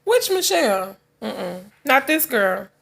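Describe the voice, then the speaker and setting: Her voice sits on the high side, husky and fairly bright with vocal fry, and she speaks slowly yet very animatedly. A vlogger in her forties, she chats frankly to camera, laughing often and drifting into asides. She sounds as if she's only just gotten out of bed.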